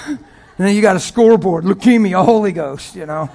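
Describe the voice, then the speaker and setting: High-voiced man in his fifties preaching. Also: a little fast, gravelly. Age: 50s. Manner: animated, laughs often, swings from hushed to shouting. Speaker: pastor. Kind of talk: sermon storytelling.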